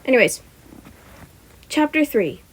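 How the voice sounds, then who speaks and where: Heard on poor audio, a young woman hosts a podfic channel, chatting informally and then reading a story aloud in an amateur fashion. Her high-pitched, slightly rough voice has a sing-song lilt and a slow pace, and she occasionally trips over words before correcting them.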